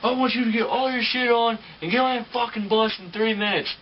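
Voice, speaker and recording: A man's voice: extremely high pitch, fairly quick, dull audio, a little hiss or hum, pitched above the performer's own voice. A man playing a screaming, furious army drill sergeant. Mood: barking orders. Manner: shouting threats, cursing. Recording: distant mic with music behind.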